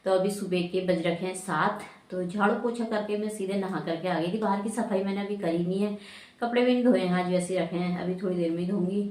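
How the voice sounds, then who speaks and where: A woman's voice: on the low side, brisk, darkish tone. A woman in her thirties chatting casually through a home vlog, rambling and laughing often as she goes. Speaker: vlogger. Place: home, rooms and rooftop.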